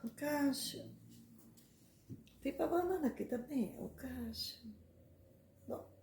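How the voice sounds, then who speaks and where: A woman's voice: high voice, mellow, recorded from a distance. A woman in a casual monologue, rambling and repeating words as she explains letter sounds in names, laughing at herself now and then. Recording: echoey room, faint background noise.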